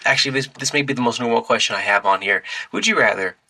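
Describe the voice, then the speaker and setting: A man's voice: medium pitch, fast talker, pushed and bright, low-quality recording. A man hosting a casual podcast chat, laid-back and chuckling as he asks questions. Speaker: podcast host.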